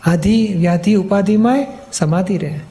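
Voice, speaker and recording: A man's voice: high voice, moderate pace, mellow. A man, a spiritual teacher, patiently explaining in a question-and-answer talk, often checking that he is understood.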